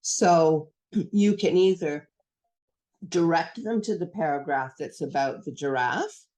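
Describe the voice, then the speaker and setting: Speaking slowly in a low, darkish voice, a woman leads a professional development session for teachers. She walks through reading lessons step by step, instructing and acting out teacher-student exchanges.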